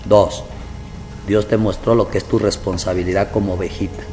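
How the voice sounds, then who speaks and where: Earnest pastor in a reverberant hall. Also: male voice, low voice, little pitch movement, moderate pace, a little mellow. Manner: earnest storytelling, keeps addressing "hermano". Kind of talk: testimony sermon. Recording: reverberant hall with faint ambient noise.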